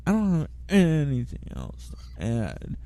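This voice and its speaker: This podcast co-host is a man with a fairly high voice, a measured pace and some vocal fry, recorded with no echo. He has a cold, so he sounds congested, rattly, chesty and phlegmy, and he coughs. Still, he chats casually, animated, jokey and playful.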